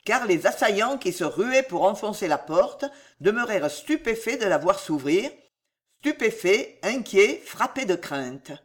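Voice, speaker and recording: Audiobook narrator: slow, dramatic, very expressive delivery. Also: medium pitch. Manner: slow, lively dramatic reading. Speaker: audiobook reader.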